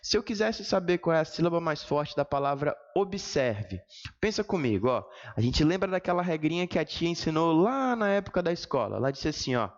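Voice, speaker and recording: A man's voice: a little high, very animated, brisk. Brazilian man teaching in an echoey room. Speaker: Portuguese grammar teacher. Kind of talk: exam-prep lesson explanation. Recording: reverberant room, dull lo-fi sound.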